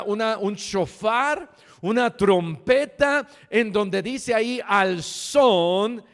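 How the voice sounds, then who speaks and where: Pastor, male, high-pitched and slow-paced, reads scripture then jokes with the congregation, recorded in a reverberant church hall. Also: smooth. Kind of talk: sermon. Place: church sanctuary.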